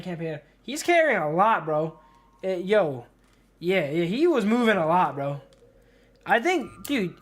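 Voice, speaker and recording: A male live streamer with a high-pitched voice does casual game commentary, reading story text aloud and chatting in loose slang, often calling his listeners "bro" and "dude." Music plays behind him, and there's a little hiss or hum on the recording.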